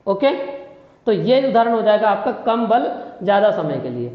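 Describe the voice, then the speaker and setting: A man's voice: high voice, sing-song, normal speed. A male physics teacher giving a classroom lecture, constantly asking questions and repeating key phrases. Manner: questioning, quizzes listeners constantly. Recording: dull, echoey room with long reverb.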